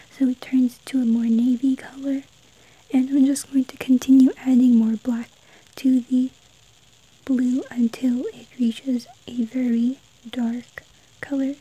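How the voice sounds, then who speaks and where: A woman narrating an art tutorial step by step in a soft, breathy whisper. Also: high-pitched, low-quality recording.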